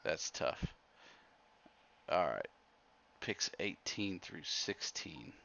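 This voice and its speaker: A man's voice: sits low, lively intonation, drawn-out words, gravelly, lo-fi sound, background noise. A man hosting a casual livestream, laid-back and dry as he announces picks. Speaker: host.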